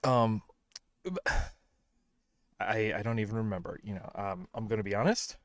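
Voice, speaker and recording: A tired man hosts a casual livestream chat from home while streaming games, his voice lowish with fairly even intonation at a normal speed. The clean studio sound has no room echo, and he rambles with lots of fillers, self-deprecating and a bit out of breath.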